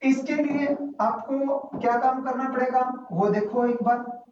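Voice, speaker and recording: A man teaching a grammar lesson, explaining slowly and repetitively and reciting letters one by one. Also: very high-pitched, fairly even intonation, a little mellow, a little hiss or hum. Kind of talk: classroom-style grammar lesson. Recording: echoey, muffled room from far off.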